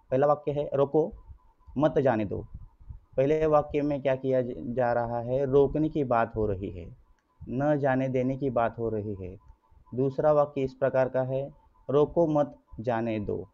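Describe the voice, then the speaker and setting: A male school teacher gives an online grammar lesson over slides, patiently explaining to the children and constantly posing rhetorical questions that he answers himself. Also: medium pitch. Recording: dull lo-fi recording.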